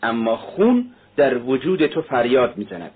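A man's voice: medium pitch, sing-song, breathy edge. A man voicing a blunt, watchful young servant woman who speaks matter-of-factly in an audiobook. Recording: tinny phone-like sound.

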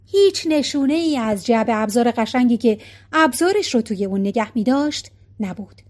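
A woman reading a novel aloud as audiobook narrator, in a calm, even storytelling manner. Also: on the high side.

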